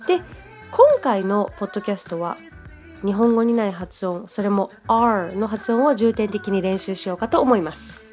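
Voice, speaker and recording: A Japanese woman hosting a podcast, giving a chatty pronunciation lesson and switching between Japanese and slow, careful English. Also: medium pitch, animated, a little mellow, faint music behind. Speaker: podcast host and English teacher.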